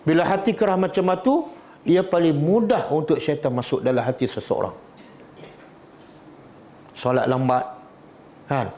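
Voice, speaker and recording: Teaching a Quran class, this man with a Malaysian Malay accent keeps asking his listeners questions and going back over key words. His voice sits on the high side with a dark tone, and he moves at a moderate pace, pausing often.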